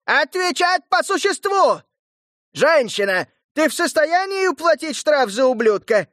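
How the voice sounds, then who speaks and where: A man voicing a male court herald who bellows proclamations in a shrill, ringing voice. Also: expressive, measured pace, no echo, clean studio sound. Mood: shrieking. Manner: shrieking, booming proclamations.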